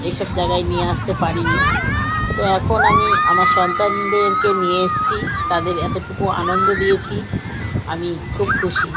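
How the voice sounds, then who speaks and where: Woman, middle-aged, casual vlog narration, repetitive direct address, very noisy outdoor recording, loud crowd behind. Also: mid-range voice. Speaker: family vlogger. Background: busy outdoor amusement park crowd and machinery noise.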